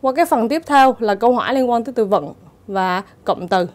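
Woman teacher, slightly high voice, walks thru exam answers one by one, calm and methodical. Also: a little fast. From Vietnam. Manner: methodical, spells out each answer step by step. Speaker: English teacher. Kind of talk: exam answer walkthrough lesson.

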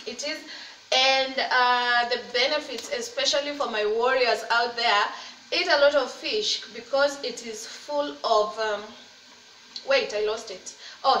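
A woman's voice: high voice, pushed and bright, slight background noise. A woman in her thirties chatting casually and cheerfully while she cooks at home, encouraging her viewers as she goes. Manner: chatty, upbeat and encouraging, with faith talk. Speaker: cooking vlogger, mother. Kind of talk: casual cook-along chat. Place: home kitchen, indoors. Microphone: laptop or phone camera at desk distance. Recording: roomy, slightly distant camera mic with faint ambience.

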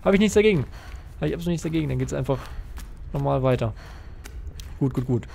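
A young man giving casual, excitable gameplay commentary, thinking aloud and swearing often. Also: medium pitch, quick pace, gravelly, slight background noise. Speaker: let's player.

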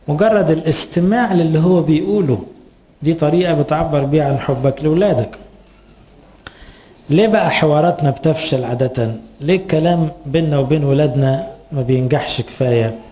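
An Egyptian priest gives a man's earnest, advising sermon to parents and asks rhetorical questions. His voice sits a little high but has a warm, mellow tone. A faint noise hangs behind him. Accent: Egyptian Arabic.

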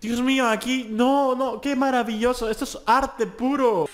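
A young man from Latin America reacts to a song with a strikingly high-pitched voice, piling up excited exclamations. He keeps breaking down the singer's vocal technique as he goes. Faint music plays under his voice. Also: normal speed. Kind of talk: reaction commentary over a song. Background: song playing faintly.

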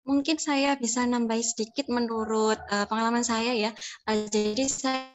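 A woman's voice: on the high side, fairly even intonation, normal speed, faint music behind. A woman on a discussion panel, adding her own experiences in a conversational way. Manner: conversational, tells personal anecdotes. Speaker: panel speaker. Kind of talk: casual academic discussion.

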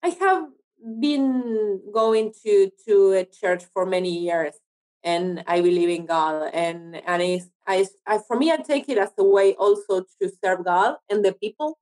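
The audio is rough as this woman, an actress and TV producer, speaks at a measured pace in a mid-range, faintly mellow voice. Native to Spanish and from Argentina, with the accent to match, she's a casual interview guest who often pauses to find her words.

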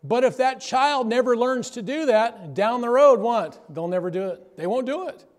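High-pitched pastor preaching, keeps asking the crowd amen and right, big echoey church hall. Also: male voice, expressive, moderate pace. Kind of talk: sermon. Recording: long hall reverb.

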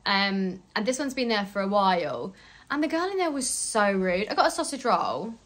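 Brief: young woman, casual phone vlog, rambling and chatty, mid pitch. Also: sing-song, normal speed, fairly bright tone, low-quality recording. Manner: chatty, rambling, lots of fillers. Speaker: vlogger. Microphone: handheld phone.

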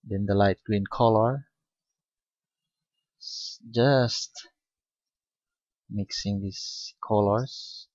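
A man giving a step-by-step painting lesson, speaking unhurriedly with many pauses and fillers. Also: lowish voice, fairly even intonation, a little mellow, dry recording. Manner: unhurried, hesitant with frequent fillers. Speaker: painting instructor. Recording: dull lo-fi recording.

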